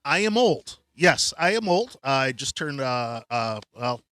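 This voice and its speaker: A man's voice: mid-range voice, very animated, slow pace, pushed and bright, no room sound. A man in his fifties hosting a podcast from a shop studio, telling a personal story in a candid, reflective way with many ums and uhs. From Hartford, USA. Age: 50s. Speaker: podcast host.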